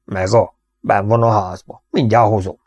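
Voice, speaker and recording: Rustic farmer, read by a man: slow, plain-spoken, dark low tone. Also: fairly even intonation, dry recording, close to an everyday voice. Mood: glum, plain.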